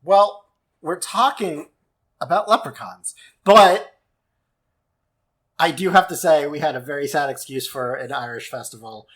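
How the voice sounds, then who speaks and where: A man's voice: a little high, measured pace, pauses often, a bit bright. A man co-hosting a casual podcast chat, joking around and laughing often. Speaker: podcast co-host.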